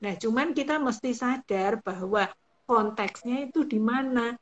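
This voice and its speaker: A woman's voice: a little high, a little slow. A woman giving patient, explanatory advice as a guest counselor in a live-stream talk. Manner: patient, explanatory, acts out example phrases. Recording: dull lo-fi live-stream audio.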